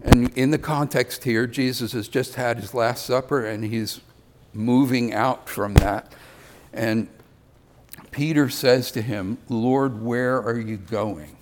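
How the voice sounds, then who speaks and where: A man's voice: medium pitch, takes it slowly, noisy background. An older man giving a conversational sermon, with self-deprecating asides. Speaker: preacher.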